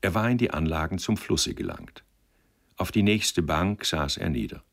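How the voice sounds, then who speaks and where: A man reading a novel aloud in a calm, measured narration. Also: sits low, gravelly. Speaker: audiobook reader. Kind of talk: literary narration.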